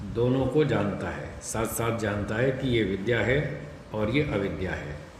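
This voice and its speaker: A man giving a scripture class, explaining slowly and deliberately, repeating key points. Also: lowish voice, lively intonation, a little hiss or hum. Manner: slow, deliberate explanation with repetition. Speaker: religious teacher. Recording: echoey hall with long reverb.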